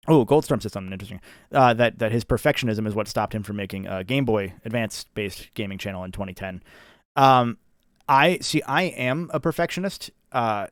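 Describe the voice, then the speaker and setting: A man with a fairly low voice talks casually as a livestream host. He has a practised on-air voice but feels his way through sentences, often doubling back. The sound is dry, with very little room echo. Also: clean tone. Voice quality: practised character speaking voice. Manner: deliberate, halting, self-correcting. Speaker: video creator hosting an anniversary livestream.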